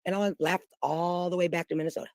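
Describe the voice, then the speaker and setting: Fast, blunt, swearing woman guest. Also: fairly low pitch, steady tone, a little mellow, dry recording, clean studio sound. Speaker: guest caller. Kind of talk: heated casual chat.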